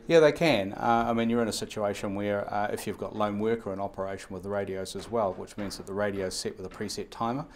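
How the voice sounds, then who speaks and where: This radio equipment supplier, a fifties-aged New Zealander, has a fairly low pitch and fairly even intonation, with a little hiss or hum in the audio. Recorded on a lapel mic in an indoor showroom interview, he rattles off run-on explanations full of fillers and restarts.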